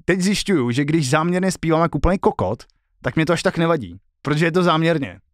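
Brief: high, animated male streamer cracking crude jokes over guitar at home. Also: no echo, studio quality. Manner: joking, swears a lot, talks to chat. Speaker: streamer writing a song. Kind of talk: casual stream chat while composing. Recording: loud guitar music behind the voice.

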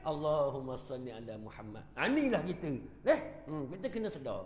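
Man, Terengganu Malay accent, animated preaching, humorous asides, long hall reverb. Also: mid-range voice, fairly quick, a little hiss or hum. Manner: humorous storytelling with chuckles and call-outs. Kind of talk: evening mosque lecture. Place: prayer hall. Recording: echoey hall.

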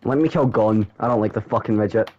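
A young man joining a friend's gaming session, trading crude, animated banter. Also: lowish voice, fast, dull audio. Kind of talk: casual gaming chat.

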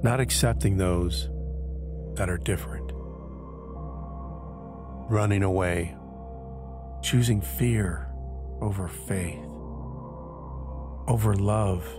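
Over music, a man with a low voice narrates an audio drama deliberately and broodingly. He pauses between short phrases to give them dramatic weight.

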